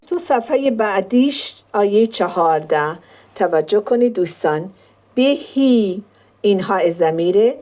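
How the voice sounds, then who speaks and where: A woman with a mellow, dark voice teaches a Quran recitation lesson. She explains each point step by step. She draws out the sample words slowly to show how long each sound is held. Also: medium pitch.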